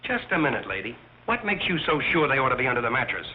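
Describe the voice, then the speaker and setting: A man's voice: mid-range voice, sing-song, quick pace, natural voice. A man acting a brusque, suspicious police detective in 1930s screwball comedy banter. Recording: tinny 1930s film soundtrack with hiss.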